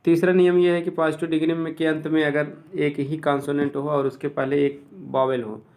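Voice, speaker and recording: A man who teaches English, explaining grammar rules step by step and slowly repeating each example word. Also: on the high side, level tone, a little mellow.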